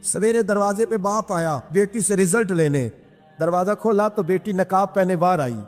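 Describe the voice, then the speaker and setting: Impassioned high-voiced male preacher. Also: in a large hall, faint music behind. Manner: impassioned, acts out quoted voices with sudden high pitch jumps. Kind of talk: Urdu sermon with storytelling.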